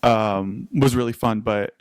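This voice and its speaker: A man's voice: on the low side, clear, resonant tone, dry recording. A young man co-hosting a podcast, chatting casually and laughing often. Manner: chatty, animated, quick to laugh. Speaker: podcast co-host. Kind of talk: casual chat.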